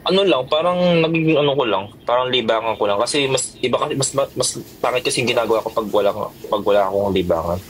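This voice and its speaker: A man's voice: medium pitch, expressive, fast, few pauses, a little hiss or hum, poor audio. A man chatting casually on a livestream, defensive and insisting again and again that he is not angry.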